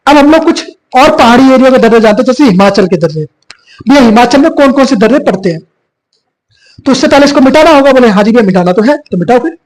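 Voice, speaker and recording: A man teaching a classroom geography lesson, hoarse from a cough, repeating points and quizzing his students. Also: very high-pitched, rough recording. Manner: repetitive, quizzing students with filler 'bhaiya'. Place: classroom with whiteboard.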